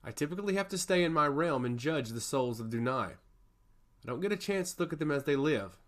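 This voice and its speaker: A male storyteller voices a solemn goddess of law from a fantasy tale, speaking formally and with the measured gravity of one who judges souls. His delivery is earnest, with lively, varied pitch.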